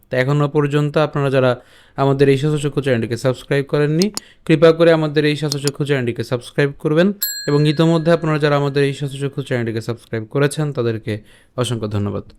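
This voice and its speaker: A man with a Bengali accent leads an online lesson on chanting a verse. His voice is smooth and resonant and sits a little high. He repeats each word slowly, syllable by syllable, then speeds up for brief reminders. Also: a little mellow. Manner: brisk channel reminders between slow recitation. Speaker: Sanskrit recitation teacher.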